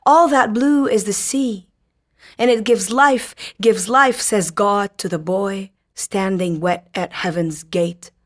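Soft-spoken Lebanese-born woman poet. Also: medium pitch, slow pace. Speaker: poet guest. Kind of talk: interview and poetry reading.

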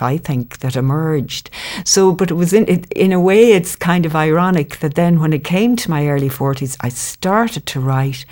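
A middle-aged Irish woman, a poet talking thoughtfully in an interview and reading her poems slowly. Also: fairly low pitch, mellow. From Ireland. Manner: thoughtful, measured, slows down to read poems. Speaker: poet, guest. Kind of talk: interview conversation and poetry reading.

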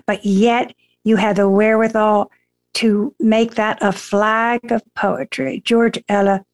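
A woman hosting an interview with a fairly high voice. She speaks slowly and with emphasis. She sounds admiring and deliberate as she asks her questions. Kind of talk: broadcast interview.

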